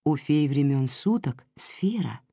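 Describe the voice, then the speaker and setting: A woman reading a storybook aloud and voicing a calm older fairy teacher who explains patiently. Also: deep voice, a little slow, slightly rough, no echo, clean studio sound, voice pushed down, heavily acted. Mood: explaining.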